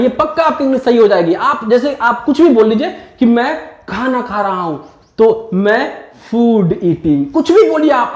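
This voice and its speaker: Recorded in an echoey room, a man with a very high voice teaches spoken English in a motivational style. He's an English teacher who mixes Hindi and basic English phrases, going over every point more than once.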